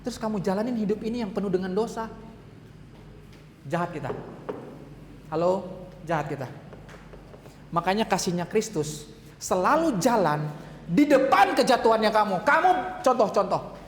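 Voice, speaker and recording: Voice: medium pitch, animated, moderate pace, long pauses, slight background noise. A youth fellowship preacher giving a direct, urgent, conversational sermon in a church hall.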